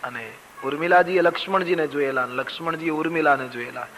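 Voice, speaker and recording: An older male preacher tells a devotional story, breaking into sung verses and chanted calls. His voice sits fairly high and rings bright and forceful. A faint hiss runs underneath the recording. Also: quick pace, low-quality recording. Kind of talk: Ram Katha sermon.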